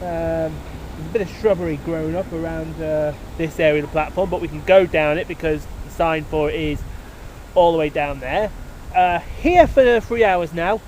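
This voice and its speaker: A man with a fairly high voice narrates his trip on a railway platform, filling his talk with "uh" and "um". He rambles loosely into a handheld camera. Faint outdoor noise sits under his voice. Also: darkish tone, rough recording. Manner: rambling, many fillers, self-deprecating. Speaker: railway enthusiast vlogger. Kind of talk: casual video diary narration.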